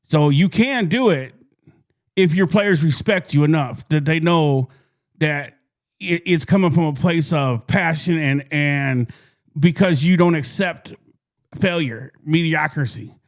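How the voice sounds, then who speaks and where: A man hosting a casual sports talk show, folksy, clearing his throat often and repeating words as he starts. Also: on the high side, unhurried. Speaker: podcast host.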